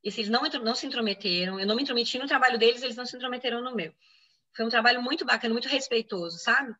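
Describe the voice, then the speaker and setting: In an interview, a physician from Brazil, a woman, races through an explanation of a medical case she was involved in, acting out others' words with lively reenactment. Her voice is a little high, and the recording has its highs cut off.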